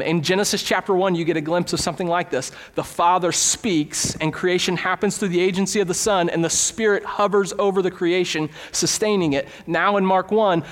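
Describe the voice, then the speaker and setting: A man preaching in a church with a slightly high voice, relaxed and conversational as he works everyday stories into his sermon. His words ring out with a long reverb from the hall around him. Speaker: pastor. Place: church sanctuary.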